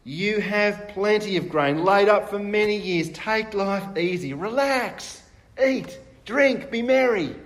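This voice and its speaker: A man's voice: fairly high pitch, big pitch swings, moderate pace, voice pushed up. Man doing a smug self-satisfied rich farmer.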